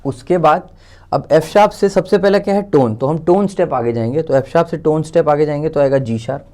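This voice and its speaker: In a relaxed music theory lesson delivered while he writes, an Indian-accented man reasons out loud, tallying steps one by one and self-correcting. He speaks on the high side, a little fast, with a somewhat mellow quality.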